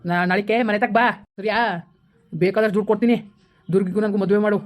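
Wheedling bossy landlord played by a woman, quick talker. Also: mid-range voice, fairly even intonation, lightly acted. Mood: smug. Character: scheming rich male village landlord.

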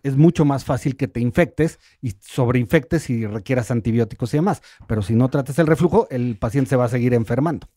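A man, a gastroenterologist guest calmly explaining symptoms on a radio talk show. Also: medium pitch, a little fast, hardly any pauses, no room sound, clean studio sound. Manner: calm, explanatory, walks through a quiz step by step. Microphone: studio microphone.

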